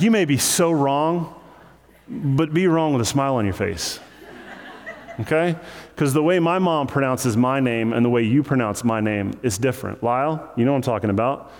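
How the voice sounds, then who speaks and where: A man's voice: medium pitch, a little mellow. A man preaching a sermon as pastor, teaching through scripture in a casual, conversational way with joking asides. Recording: long reverb of a large hall.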